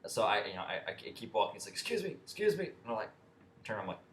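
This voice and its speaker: A man's voice: fairly low pitch, flat delivery, quick pace, a bit bright. A young man telling a story in a rambling, profane way, with many restarts and fillers. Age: young adult. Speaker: vlogger. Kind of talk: casual storytelling rant. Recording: echoey room with faint ambient noise.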